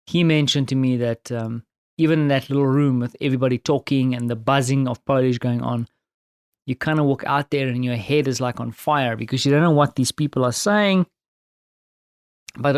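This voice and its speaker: Sounding tired, a man with a South African accent, Afrikaans being his first language, records a solo audio diary as a podcast host recounting his day. His medium-pitched talk is casual, reflective and halting. The audio is studio quality with no room sound.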